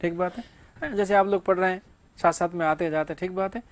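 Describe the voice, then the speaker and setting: A man's voice: high-pitched, steady tone, a little fast. A male English teacher giving a classroom grammar lecture, asking rhetorical questions and answering them himself, with casual joking asides.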